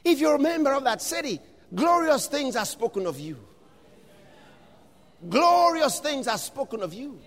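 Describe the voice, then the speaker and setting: A man preaching a fervent sermon, reading scripture aloud, calling out to the congregation and shouting refrains, at times slipping into speaking in tongues. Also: very high-pitched, big pitch swings, moderate pace, pauses often. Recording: long hall reverb.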